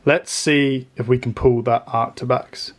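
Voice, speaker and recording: Guy hosting a card review vlog, medium pitch, expressive, wordy but casual with some slang. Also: a little slow. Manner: expressive, eloquent wording mixed with casual slang. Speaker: trading card reviewer and host. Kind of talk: scripted review narration with casual pack-opening commentary.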